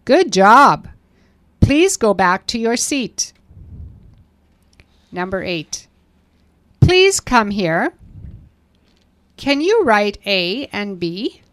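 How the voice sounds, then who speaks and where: A woman reading English lesson prompts slowly and with clear, careful enunciation. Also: mid-range voice, very animated, a bit bright, no echo. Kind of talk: scripted language lesson dialogue.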